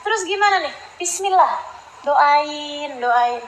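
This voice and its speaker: A high-voiced woman preacher from Indonesia answers questions in a casual, chatty sermon, teasing her listeners as she goes. Her voice echoes around a roomy space. Faint ambient noise sits behind her. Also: animated, takes it slowly. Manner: chatty, teasing, laughing asides.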